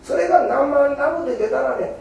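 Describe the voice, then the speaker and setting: A man's voice: extremely high pitch, fast, creaky, darkish tone. A man with a giving a Buddhist sermon in a folksy, earnest, coaxing way. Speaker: Buddhist preacher. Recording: very echoey hall, mic far off.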